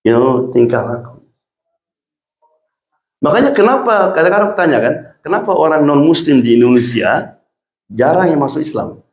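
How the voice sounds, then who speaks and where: A man's voice: medium pitch, creaky. A man, an imam, telling stories in a sermon and slipping English phrases into his talk. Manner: mixes Indonesian with English phrases; animated storytelling with acted-out quotes. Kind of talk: storytelling sermon. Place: mosque hall. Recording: echoey mosque hall.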